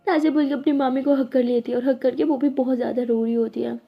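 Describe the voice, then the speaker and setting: A woman's voice: sits high, fairly even intonation, quick pace, creaky. A woman narrating a love story in a chatty, conversational storytelling way. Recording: dull lo-fi recording.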